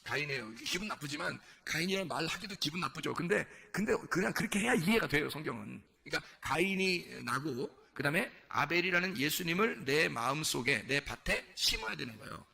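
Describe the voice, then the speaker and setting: This pastor's voice is a little high, creaky and bright, delivered a little fast with forceful, lively intonation and hardly any pauses. Preaching his sermon, he puts questions to the congregation and performs quoted speech aloud.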